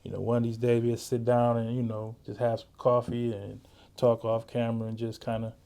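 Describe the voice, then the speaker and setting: A man hosting a podcast interview, talking in a relaxed, easygoing way and often saying "man" and "you know". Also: medium pitch, fairly quick, gravelly. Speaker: podcast host; works with juvenile youth. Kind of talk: casual interview chat.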